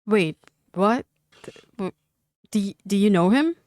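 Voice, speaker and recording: A woman reading the lines of a flustered young woman who stammers, yet stays firm, in a smooth, slow voice. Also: mid-range voice, animated, darkish tone, no room sound, lightly acted. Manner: stammering, hurried.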